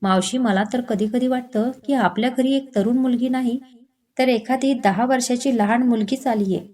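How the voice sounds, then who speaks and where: A woman's voice: a little high, moderate pace, a little mellow, close to an everyday voice. A woman voicing a stern but kind young male doctor in a spoken storybook. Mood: dry.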